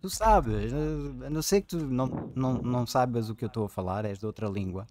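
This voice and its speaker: A man's voice: mid-range voice, brisk, noisy background. A man leads an informal reading session, eagerly explaining ideas aloud to a child. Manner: animated explaining, eager, pointing things out. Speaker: reading group leader. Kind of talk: informal teaching chat with a child.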